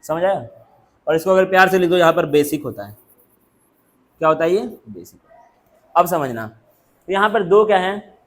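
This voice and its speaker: This classroom lecturer is a man whose voice sits high, a bit bright and expressive, moving at a moderate pace with frequent pauses. He fires rhetorical questions, drills answers call-and-response style, and teases students, calling them by name.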